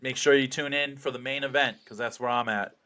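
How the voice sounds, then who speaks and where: A man with a bright, punchy voice at an average pitch gives a casual interview as a fighter. He talks with cocky bravado and swears freely, like someone selling his next bout. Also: fairly even intonation, brisk. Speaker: professional slap fighter being interviewed.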